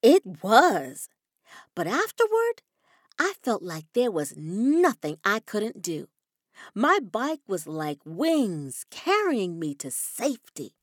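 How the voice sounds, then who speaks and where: An actress playing a bold, adventurous young woman motorcycle rider who tells her story in a calm, self-assured way. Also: medium pitch, slow pace, dry recording, studio quality, exaggerated voice. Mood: confident. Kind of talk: audio drama acting.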